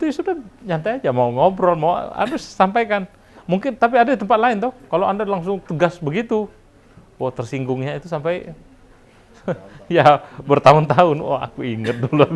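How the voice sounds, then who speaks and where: A middle-aged man giving a chatty university lecture, slipping in English phrases and laughing at his own jokes. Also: on the high side. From Indonesia. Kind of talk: classroom lecture.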